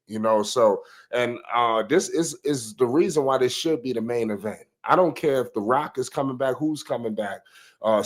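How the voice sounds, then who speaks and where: A man's voice: medium pitch, a little mellow. A man giving casual, opinionated wrestling commentary in a rambling, conversational way, dropping in frequent "you know" asides.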